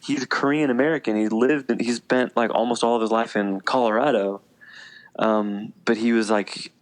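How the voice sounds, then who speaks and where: At a normal speed and a mid-range pitch, a man in his thirties, a veteran and teacher, talks as a guest on a podcast. His storytelling is relaxed and casual, with frequent laughs and many fillers.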